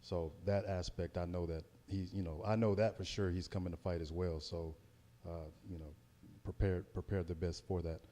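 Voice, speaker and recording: A man's voice: low voice, fairly even intonation, moderate pace, dark tone, in a large hall. An American man, a heavyweight boxer, giving a casual pre-fight interview in a hesitant, circling way. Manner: hesitant, circling, repeats words.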